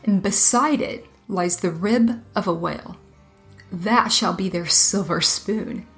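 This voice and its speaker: A woman voicing a proud, sly male dragon in a storybook reading, speaking in a smooth, boastful way. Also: medium pitch, takes it slowly, fairly bright tone, faint music behind. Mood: smug.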